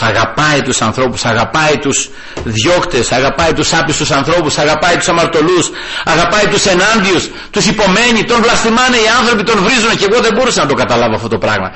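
A man's voice: fairly high pitch, rough recording. Fervent man preaching a sermon. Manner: fervent, swings from loud exclamations to soft asides.

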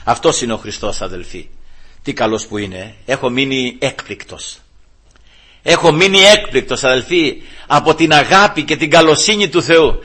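A man preaching a sermon to his congregation, often calling them brothers, with emphasis that swings between loud, high passages and quiet, low asides. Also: breathy edge. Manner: addresses listeners as brothers, rising and falling emphasis.

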